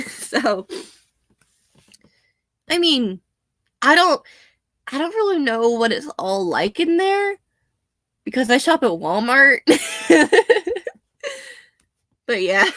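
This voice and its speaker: A young woman, a bit hoarse, chatting casually and laughing often as she rambles. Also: high-pitched, sing-song, takes it slowly, long pauses, fairly bright tone, no room sound. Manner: chatty, laughs often, self-deprecating asides. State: slightly hoarse.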